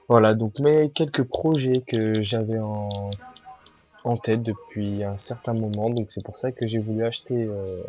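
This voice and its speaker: A man's voice: on the low side, mellow. A young man introducing his gaming channel in a casual, hesitant way, with many fillers and restarts. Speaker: gaming YouTuber. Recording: dull lo-fi sound with faint music.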